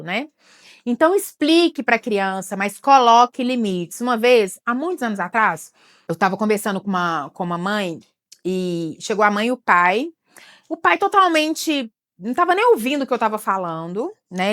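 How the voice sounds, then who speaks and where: A woman's voice: medium pitch, animated, normal speed, a bit bright. A woman with a Brazilian Portuguese accent giving conversational advice to camera as a child and family therapist, often ending phrases with tag questions.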